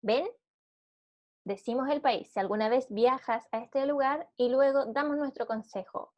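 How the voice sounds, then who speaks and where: A young Chilean woman, an English teacher, reading example sentences slowly in English and then explaining them quickly in Spanish in a recorded lesson. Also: sits high, lo-fi sound.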